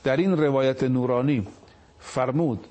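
A man giving a religious talk in a TV studio. He reads Arabic scripture slowly, paraphrases it, and puts rhetorical questions to the viewers. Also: medium pitch, dark tone, muffled recording. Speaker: religious speaker on a TV program.

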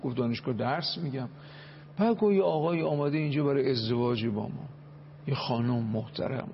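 A man's voice: medium pitch, vocal fry, dull audio, a little hiss or hum. A man, a cleric on a talk show, preaching with Arabic quotations and dramatic, emphatic acted quotes.

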